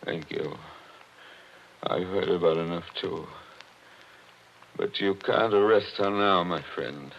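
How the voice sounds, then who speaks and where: A man's voice: deep voice, slow, creaky, long pauses, heavily acted. An actor playing a bitter, weary man haunted by an old crime in a 1940s radio drama. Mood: weary, resentful. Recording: muffled old radio recording.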